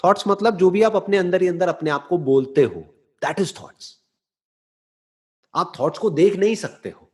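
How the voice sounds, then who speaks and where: Guy with a high voice giving a motivational talk, slow and deliberate, keeps checking you're following. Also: animated. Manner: slow, deliberate explaining with rhetorical check-ins; switches into English phrases. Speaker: motivational speaker. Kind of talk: explanatory talk answering a listener.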